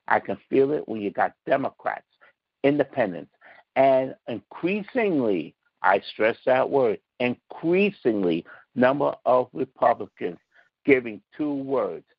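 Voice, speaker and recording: A man with a gravelly, fry-edged voice speaks as a political commentator on a podcast, leaning hard on each point in a folksy, fired-up way. The sound is dry and a little dull, like lo-fi podcast audio. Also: medium pitch, measured pace, no echo.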